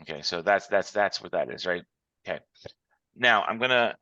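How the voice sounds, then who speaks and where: Bright-voiced man teaching over a conference call. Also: sits low, animated, moderate pace, no echo. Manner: walks through examples step by step. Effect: heard over a conference call. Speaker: instructor. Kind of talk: online class lecture. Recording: muffled, dry call audio.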